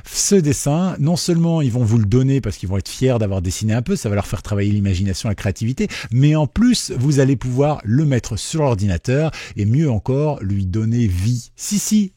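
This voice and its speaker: Male tutorial host: dark, slightly husky tone, chatty and self-deprecating, dry recording. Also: mid-range voice, dry recording. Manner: jokey, self-mocking, chatty. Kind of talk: casual screen-recorded tutorial.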